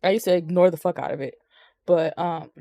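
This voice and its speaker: A woman's voice: on the low side, brisk, vocal fry, mellow, dry recording. A woman co-hosting a podcast, chatting casually about wrestling with lots of ums and swearing. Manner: rambling, profane, frequent ums. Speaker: podcast co-host.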